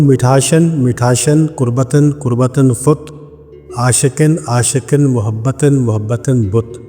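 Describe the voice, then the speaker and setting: A man from Pakistan, a spiritual practitioner, teaching a ritual step by step. He speaks slowly and deliberately, repeating each word several times as he dictates it. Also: mid-range voice, mellow. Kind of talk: instructional talk. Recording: long reverb with faint background music.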